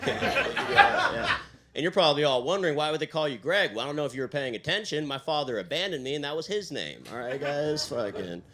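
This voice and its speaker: A young man doing a deadpan stand-up set on a stage mic, padding his lines with fillers and "all right?". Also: a little high, a little fast, background noise. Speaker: stand-up comedian.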